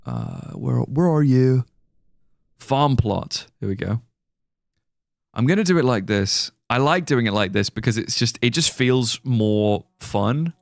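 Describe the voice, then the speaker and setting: This livestreaming gamer is a young man, Singapore-born but raised British, who rambles, starts his sentences over and laughs at jokes from chat as he plays and reads messages. His medium-pitched voice is expressive, gravelly and a little slow, in clean studio sound with no room sound.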